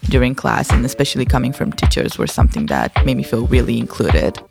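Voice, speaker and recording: A woman's voice: very deep voice, big pitch swings, fairly quick, creaky, over music. A young adult woman from Romania, a student guest on a podcast, giving brief, plain answers.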